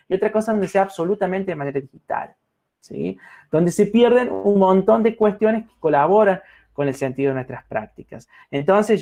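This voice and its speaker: A man's voice: sits high, a little mellow. A man lecturing to students in a reflective way, often checking in with his listeners, with an Argentine Spanish accent. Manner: reflective, addresses listeners with frequent "¿no?" and fillers. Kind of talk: recorded talk to students.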